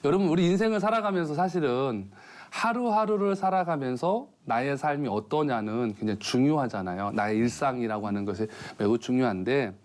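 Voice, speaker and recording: A man's voice: medium pitch, expressive, brisk, few pauses. A man, a pastor on a TV program, preaching in a chatty storytelling way and asking listeners questions. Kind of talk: TV sermon with a joke story. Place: TV studio.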